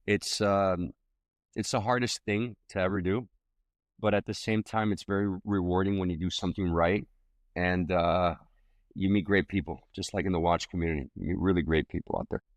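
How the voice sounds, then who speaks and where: Deep-voiced man, stammering with enthusiasm. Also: steady tone, moderate pace, dry recording. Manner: repeats words and restarts often, enthusiastic. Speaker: guest singer-songwriter. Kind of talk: casual interview chat.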